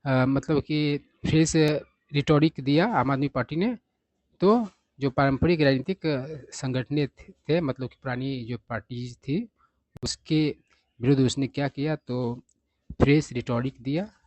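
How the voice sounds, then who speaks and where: Man with an Indian accent, English teacher, translates a newspaper phrase by phrase, unhurried, dry close recording. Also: mid-range voice, a little mellow, dry recording. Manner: reads English phrases slowly, then explains them in Hindi, often adding "है ना". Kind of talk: reading and translating a newspaper line by line.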